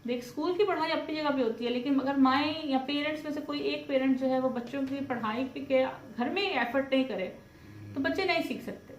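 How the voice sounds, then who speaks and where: हल्की ऊँची आवाज़ वाली बातूनी माँ, पाकिस्तानी उर्दू लहजे में. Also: female voice, high-pitched, brisk. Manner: chatty, mixes Urdu and English. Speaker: mother and vlogger. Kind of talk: casual vlog talk to viewers. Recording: echoey room, faint background noise.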